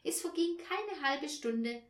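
A woman reading a children's Advent story aloud in a gentle, expressive way. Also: sits high, slow pace. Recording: echoey room.

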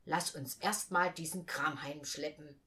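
A woman reading a storybook aloud, voicing a kind, secretive older man with a lowered, gruff voice. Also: fairly even intonation, unhurried, sharp tone. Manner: mysterious, gruff and hearty.

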